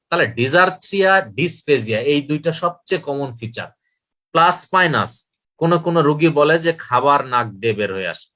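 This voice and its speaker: A man's voice: a little high, bright, forceful tone. A man giving a medical lecture, repeating key points and asking questions he then answers himself. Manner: repetitive, asks and answers own questions.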